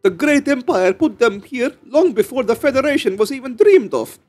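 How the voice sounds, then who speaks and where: A man's voice: very high voice, lively intonation, normal speed, darkish tone, faint music behind, pitched above the performer's own voice. A man voicing a short, round male alien agent who explains things in a raised, emphatic way. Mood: explaining.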